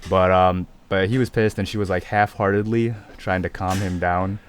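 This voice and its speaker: A young man and podcast co-host telling a story in casual chat with friends, slangy and animated, acting out the people he quotes. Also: low-pitched, moderate pace, a little hiss or hum.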